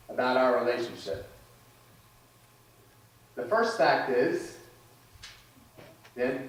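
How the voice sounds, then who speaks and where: Preacher in an echoey church hall. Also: male voice, on the high side, distant mic, a little hiss or hum. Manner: conversational, with restarts and asides. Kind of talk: sermon. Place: church sanctuary.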